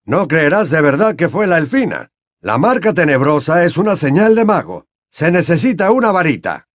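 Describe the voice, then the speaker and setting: A man reading an audiobook and voicing a calm, level-headed male wizard who reasons quietly. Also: a little high, moderate pace, no echo, studio quality, voice pushed up.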